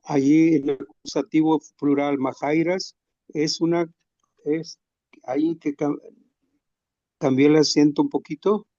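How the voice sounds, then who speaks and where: A man in a class asking the teacher a hesitant, halting question. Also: a little high, little pitch movement, dark tone. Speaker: student. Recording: distant, dull lo-fi classroom recording.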